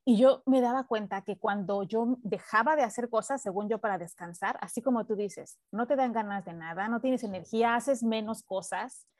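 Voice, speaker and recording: A woman hosting a podcast, chatting in a lively way and asking her guest questions. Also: on the high side, normal speed, few pauses, no room sound. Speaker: podcast host. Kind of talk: casual interview chat.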